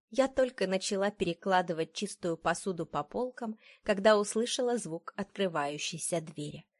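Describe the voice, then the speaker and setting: A woman's voice: mid-range voice, a little mellow, dry recording. A woman narrating a first-person story in an emotional, intense way.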